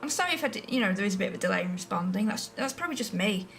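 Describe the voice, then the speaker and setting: A woman's voice: medium pitch, animated, rapid-fire, a bit bright. A woman from England chatting casually as she streams a flight simulator game, thinking aloud and second-guessing herself. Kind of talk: casual live-stream commentary while playing a flight simulator. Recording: voice a bit distant from the mic, faint music behind.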